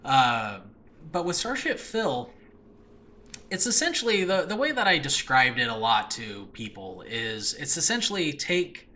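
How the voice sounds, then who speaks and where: Bright, forceful and enthusiastic, this mid-range male voice belongs to a podcast host and audio drama creator chatting solo about his show in progress. His rambling is animated, dotted with laughs and light profanity. Faint noise hangs behind him in his makeshift indoor home recording space.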